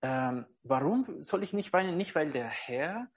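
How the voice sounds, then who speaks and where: A man giving an informal devotional sermon, earnest and halting, often searching for words and checking in with his listeners. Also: fairly high pitch, animated, gravelly, husky. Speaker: preacher.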